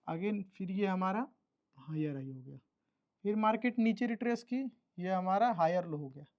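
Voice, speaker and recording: This recorded lesson features a man explaining a trading chart piece by piece, repeating terms and checking comprehension like a patient teacher. His voice is high-pitched and a little mellow, heard through a muffled recording.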